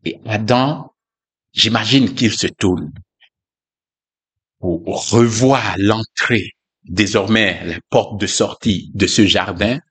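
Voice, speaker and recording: A man's voice: fairly low pitch, slow, long pauses, slightly rough. A man giving an informal, conversational sermon, musing aloud with frequent fillers and asides. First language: not English. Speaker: preacher.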